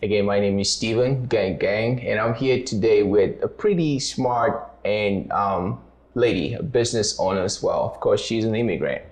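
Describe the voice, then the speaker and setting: Man, podcast host, relaxed interviewer, gravelly voice, roomy echo. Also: fairly low pitch, moderate pace. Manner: relaxed, filler-heavy, playful questions. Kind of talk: casual interview.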